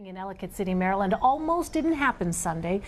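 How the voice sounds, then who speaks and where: A woman's voice: medium pitch, big pitch swings, brisk, soft background music. A woman anchoring TV news, conversational as she interviews a caller.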